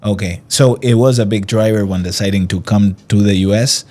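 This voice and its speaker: Lower-voiced male interviewer, encouraging. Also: fairly even intonation, brisk, dark tone. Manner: encouraging, repeats and rephrases questions. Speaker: interviewer, host. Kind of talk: conversational interview.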